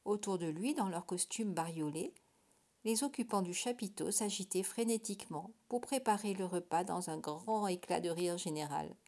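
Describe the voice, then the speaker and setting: A woman reading a children's story aloud. Her narration is expressive, lifting for wonder and dropping to a soft, breathy hush in suspenseful moments. A steady, engaged storytelling voice. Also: fairly low pitch, normal speed. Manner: expressive, hushed in tense moments.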